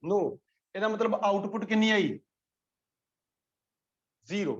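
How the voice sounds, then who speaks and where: Brief: Punjabi male physics teacher, fairly high voice, drills students, lo-fi sound. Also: unhurried. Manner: quizzes students by name, repeats points. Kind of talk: classroom lecture. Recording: dull lo-fi classroom recording.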